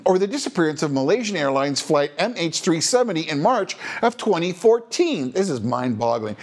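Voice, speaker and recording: A man with a fairly high voice hosts his own show in a wry, sarcastic monologue. His pitch swoops widely as he leans on words for theatrical effect, half lecturing and half teasing. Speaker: podcast host. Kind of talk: scripted monologue commentary.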